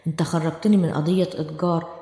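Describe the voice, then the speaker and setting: A woman's voice: sits low, steady tone, very fast, mellow. A woman voicing a fawning male criminal in an Egyptian Arabic accent, in an echoey room with long reverb.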